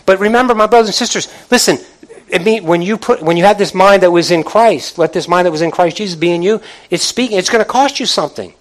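A man's voice: sits high, fast. A man, a pastor, preaching a motivational sermon to a congregation in an emphatic, exhorting, colloquial way, repeating phrases and asking rhetorical questions. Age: middle-aged or older. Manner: conversational, colloquial, direct address to listeners.

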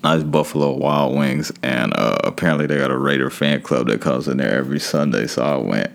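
A man's voice: rumbling low, a little fast, vocal fry. A man hosting a podcast solo in a casual, slangy, conversational way, talking straight to his listeners. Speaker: podcast host.

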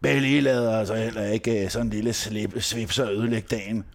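A man's voice: on the low side, fairly even intonation. A man telling comic stories in a slangy, profane way, with casual asides, as a podcast co-host. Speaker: podcast co-host reading a satirical diary.

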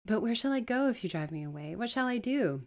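A woman's voice: on the high side, animated, brisk, darkish tone, voice pushed up. A woman voicing a starving young beggar woman in a novel reading, desperate and pleading in distress.

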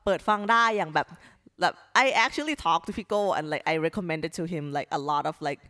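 A woman's voice: lowish voice, expressive, slow, fairly bright tone. A woman with a Thai accent hosting a podcast, chatting casually in Thai and English with many "like" fillers. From Thailand. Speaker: podcast host.

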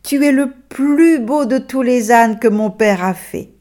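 A woman puts on a gentle holy little boy from a Christmas storybook, soft and soothing, speaking slowly. His voice is calm and fairly high. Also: lightly acted. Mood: tender.

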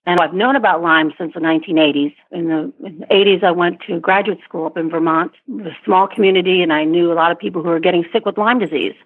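A woman's voice: on the low side, fast, few pauses, breathy edge. A middle-aged woman, born in Vietnam and raised in Asia and Africa, answering interview questions thoughtfully, with restarts and small laughs. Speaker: interview guest. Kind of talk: casual interview over a phone line. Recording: tinny phone line.

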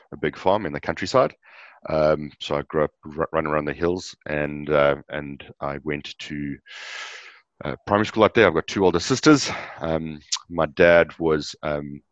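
A man's voice: rumbling low, no echo, dull audio. A man with a South African accent, a guest explaining energy trading in an interview, with many fillers and restarts. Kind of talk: interview answers.

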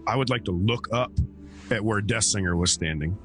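A man's voice: lowish voice, normal speed, fairly bright tone, faint music behind. A man chatting casually as a player in a tabletop game.

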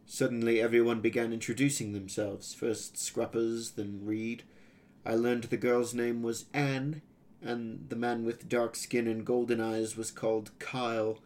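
Male narrator for a fantasy serial; steady, even first-person storytelling. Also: mid-range voice, unhurried.

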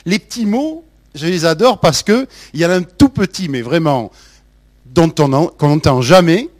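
An older man with a light south-western French accent delivers a humorous column with playful mock indignation. His voice sits somewhat high and swings widely in pitch. It is recorded dry and close. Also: moderate pace, dry recording. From south-west France. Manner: animated, playful, mock-indignant, lots of hesitations. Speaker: radio columnist. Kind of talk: humorous spoken column on language.

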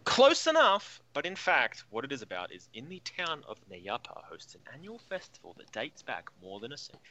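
A man's voice: mid-range voice, huge pitch swings, fairly quick, sharp tone. A young man co-hosting a casual comedy podcast, reading odd news items with jokey asides. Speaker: podcast co-host.

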